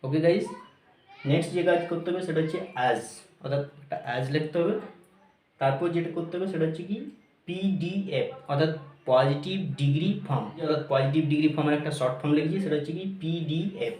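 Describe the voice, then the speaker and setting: A man teaching grammar, mixing English phrases into his explanations, repeating each point and checking whether his students are clear. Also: a little high, fairly quick, a little mellow, roomy sound.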